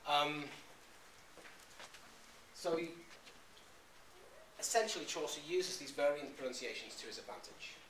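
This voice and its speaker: A man giving a classroom lecture, talking in a halting way with frequent "um"s and restarts. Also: on the high side, lively intonation, background noise. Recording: echoey room recording.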